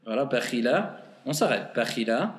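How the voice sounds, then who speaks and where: A man teaching Arabic reading in a patient classroom way, slowly repeating syllables and gently correcting a student. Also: mid-range voice, animated, crowd noise. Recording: echoey room with long reverb.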